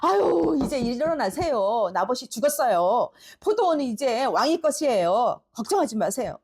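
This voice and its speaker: A woman's voice: a little high, big pitch swings, moderate pace, darkish tone, breathy edge, full character voice. A woman pastor voicing a scheming queen who coaxes her sulking husband in a sugary, wheedling tone. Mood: coaxing.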